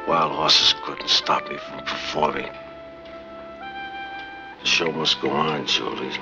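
Proud showman, highish voice. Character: proud, stubborn male cruise-ship stage entertainer. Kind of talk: TV drama acting. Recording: muffled soundtrack, music behind.

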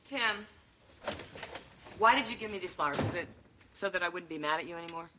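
An actress playing a wry, exasperated American sitcom wife with a dry, pointed way of talking. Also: female voice, lowish voice, expressive, fairly quick, lightly acted. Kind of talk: sitcom acting. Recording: noisy TV soundtrack.

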